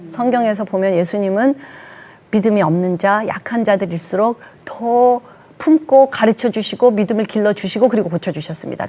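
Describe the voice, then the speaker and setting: A woman's voice: mid-range voice, darkish tone. A Korean woman pastor in her sixties giving an earnest, emphatic testimony sermon, acting out the lines she quotes.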